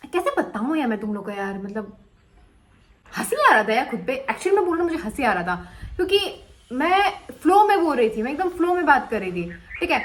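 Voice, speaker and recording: A young woman chats casually to her viewers, blunt and unfiltered, sliding between languages mid-sentence. Her voice sits a little high for a woman. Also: poor audio. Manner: chatty, mixes Hindi and English, blunt slang. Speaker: vlogger. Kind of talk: casual chat to camera.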